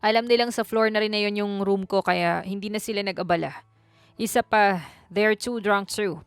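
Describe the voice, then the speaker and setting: A woman's voice: mid-range voice, normal speed, smooth, no echo, faint music behind, close to an everyday voice. A woman voicing a hungover, grumpy rich young man who speaks curtly and coldly in a storybook reading. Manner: curt, cold and commanding.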